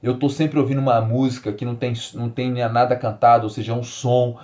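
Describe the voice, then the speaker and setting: A man in his forties from Brazil, hosting a solo health podcast and explaining ideas with emphatic repetition, then easing into calm, soft phrasing. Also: medium pitch, brisk. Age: 40s. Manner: animated, emphatic, repeats key words, drops to calm soft tones. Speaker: podcast host.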